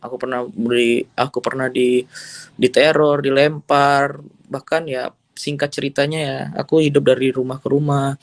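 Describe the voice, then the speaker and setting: A man's voice: medium pitch, little pitch movement, moderate pace, no echo. A young man giving a personal faith testimony as an interview guest, telling it casually and earnestly and dropping in English phrases. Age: young adult.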